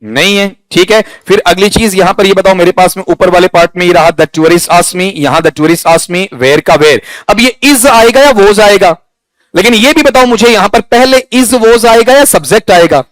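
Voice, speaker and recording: A man with a Rajasthani Hindi accent teaching English grammar to a class, quizzing students and reading sentences aloud slowly. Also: high-pitched, a bit bright, no echo, rough recording. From India. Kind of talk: classroom lesson.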